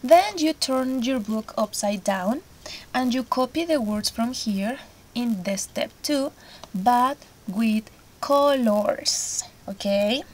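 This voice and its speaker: A woman's voice: on the high side, takes it slowly, a little mellow. A woman teaching an English lesson to children, explaining each step patiently. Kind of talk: recorded remote lesson.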